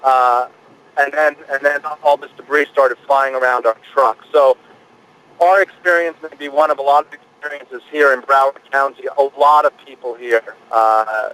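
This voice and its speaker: A male field reporter telling his storm experience live and unscripted, halting and repeating words as he goes. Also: mid-range voice, fairly even intonation, a bit bright, low-quality recording.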